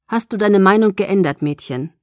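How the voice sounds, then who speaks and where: A woman voicing a calm, serious older male vampire leader who speaks evenly, in an audiobook. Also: medium pitch, moderate pace, no room sound, clean studio sound, close to an everyday voice.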